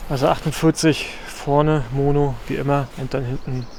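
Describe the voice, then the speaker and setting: A man chatting casually to the camera in a relaxed, rambling way, with many filler sounds. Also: mid-range voice, normal speed, a little hiss or hum. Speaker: pro gravel cyclist vlogging a race trip. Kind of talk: casual vlog chat to camera.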